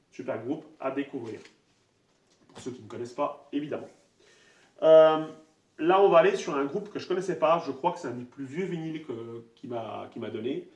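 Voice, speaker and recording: A man casually presenting his vinyl records one by one, talking in a relaxed, halting way with many fillers. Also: medium pitch. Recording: roomy echo, voice a bit far from the mic.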